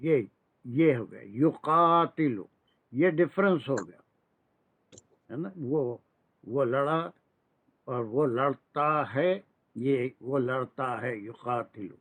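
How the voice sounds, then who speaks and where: A man's voice: medium pitch, slow, pauses often, no room sound. A man teaching grammar in an online class, patiently drilling verb forms and slipping into English phrases. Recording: dry, tinny phone-like audio.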